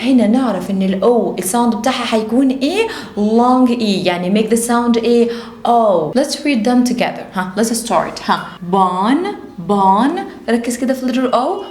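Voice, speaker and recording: A woman with an Egyptian Arabic accent teaching English phonics to children, slowly drilling and repeating each sound. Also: medium pitch, a little mellow, roomy sound.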